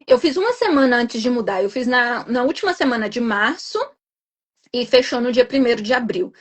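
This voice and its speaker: A woman nurse, a guest in a live chat, recounting a personal story in an animated, emphatic way. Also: fairly high pitch, fairly quick.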